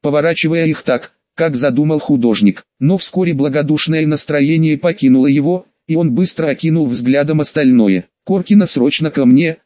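A man reading an audiobook in an even storytelling manner, voicing the dialogue lightly. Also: fairly high pitch, normal speed, few pauses, dry recording, lo-fi sound. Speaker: audiobook narrator. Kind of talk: scripted audiobook narration.

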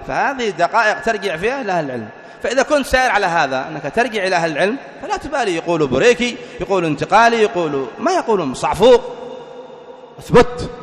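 A man's voice: sits high, fairly bright tone, in a large hall. A man giving a religious lecture, asking rhetorical questions and answering them himself. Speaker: preacher.

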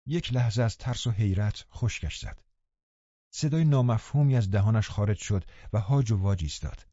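Low mellow male audiobook narrator. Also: no echo. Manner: calm, measured storytelling. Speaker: audiobook reader. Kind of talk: scripted narration. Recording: dull lo-fi dry recording.

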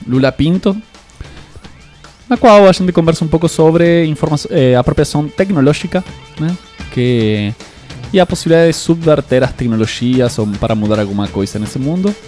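Man, Recife accent, community radio host, relaxed and chatty, mid-pitched voice. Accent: Recife, Brazil. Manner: relaxed and conversational.

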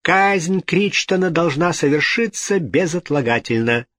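A man's voice: a little high, expressive, measured pace, a bit bright, dry recording, studio quality, pitched above the performer's own voice. A man voicing a cruel, imperious queen who speaks with royal authority and cold fury.

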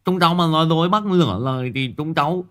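A man's voice: quick pace, fairly bright tone, natural voice. A man voicing a frightened young village thief who stammers and whines as he begs for mercy. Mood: begging. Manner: high, whiny, stammering pleas. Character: whimpering young village thief, male, pleading.

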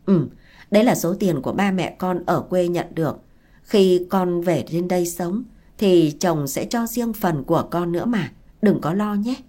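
A woman voicing a brisk, persuasive middle-aged woman arranging a paid marriage. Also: on the low side, expressive, warm tone.

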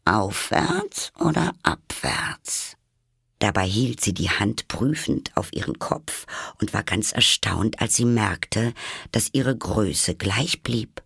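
A man narrating a classic children's story in a measured storytelling manner. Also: fairly low pitch, vocal fry, fairly bright tone, breathy edge, no echo, studio quality. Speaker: audiobook narrator.

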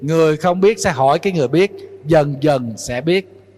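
A man's voice: on the high side, normal speed, a little mellow, big-room sound. A male Buddhist monk giving a dharma talk to young followers, scolding and urging them on with rhetorical questions.

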